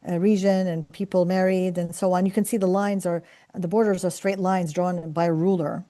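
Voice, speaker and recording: A middle-aged woman talks to students about purpose in an earnest, reflective way. Her voice is mellow and warm, and she often pauses on fillers and restarts her sentences. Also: on the low side, level tone. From Palestine. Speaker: professor and scientist. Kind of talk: career talk to students.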